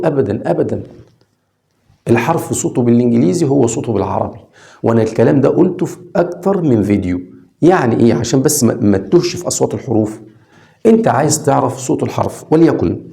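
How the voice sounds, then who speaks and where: A man with an Egyptian Arabic accent teaching English to beginners online, asking rhetorical questions and sounding out letters slowly. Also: mid-range voice, gravelly, dark tone. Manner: asks rhetorical questions and answers them.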